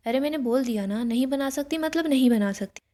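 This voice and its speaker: A woman's voice: sits high, a little fast, warm tone, natural voice. A woman reading the lines of a young woman who answers back sharply and with resentment, in a spoken recap of a TV serial. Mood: resentful. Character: young woman angrily standing up to a guest.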